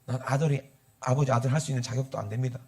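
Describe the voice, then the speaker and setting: Guy doing a shamefaced young son begging, low and humble, bit gravelly. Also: very fast, darkish tone, close to an everyday voice. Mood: pleading. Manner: pleading, humble. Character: ashamed younger son, young man, contrite.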